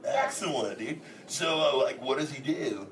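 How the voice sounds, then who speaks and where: A man's voice: mid-range voice, animated, measured pace, lightly acted. A man voicing a laid-back male green sea turtle who talks like a surfer and says "dude" constantly, joking with a live audience. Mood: excited. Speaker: live character performer talking with an audience. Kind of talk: improvised live audience interaction. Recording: echoey venue from a distance, audience chatter. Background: audience chatter and crowd noise.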